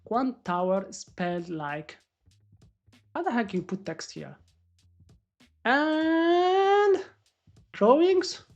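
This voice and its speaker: A man doing live trading commentary on a stream, excitable and swearing as he talks to the market. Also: extremely high pitch, drawn-out words, pauses often, highs cut off, faint music behind. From Morocco. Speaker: day trader live-streaming.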